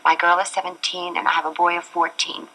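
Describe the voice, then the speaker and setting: Her voice lowish and fairly flat in pitch, a Chilean talk show guest in her forties speaks a little fast with a sharp tone, recounting her own life earnestly and at length. It's a candid personal conversation captured in low quality on an old TV studio set.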